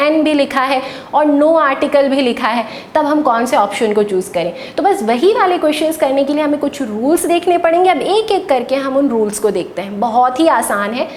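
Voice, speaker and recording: Patiently lecturing in a classroom, this woman teacher poses questions and answers them herself, while the room echoes and a faint rumble runs beneath.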